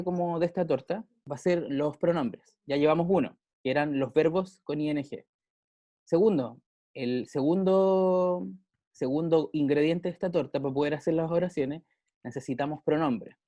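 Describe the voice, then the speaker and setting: A man's voice: fairly high pitch, normal speed, dark tone, dry recording, muffled recording. A male teacher with a Chilean accent, explaining grammar in a casual way with everyday examples and frequent check-ins with his pupils. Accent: Chilean Spanish. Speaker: English teacher.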